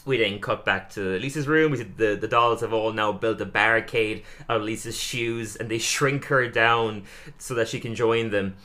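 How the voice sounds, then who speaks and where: A young man with a bright, forward tone co-hosts a casual podcast recap. He is animated and laughs often, slipping into the characters' lines as he retells each scene. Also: fairly low pitch, moderate pace. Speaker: podcast co-host.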